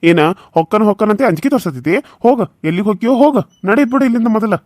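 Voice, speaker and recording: A man's voice: sits high, racing, mellow, no room sound, studio quality, lightly acted. [name], a man doing a stern cartoon husband. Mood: angry. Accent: North Karnataka Kannada. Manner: lecturing, reproachful. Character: young husband, stern and quick-tempered. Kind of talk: Kannada cartoon serial voice acting.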